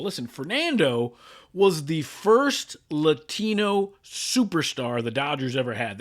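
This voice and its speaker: A man's voice: mid-range voice, a bit bright. A middle-aged man from Los Angeles hosting a sports channel, talking through the news in a loose, conversational way with frequent fillers and restarts. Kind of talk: casual sports commentary.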